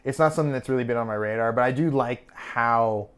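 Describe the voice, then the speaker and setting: Relaxed, rambling young male podcast host. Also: mid-range voice, quick pace, clean tone. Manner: relaxed, rambling with fillers and restarts. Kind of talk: casual chat.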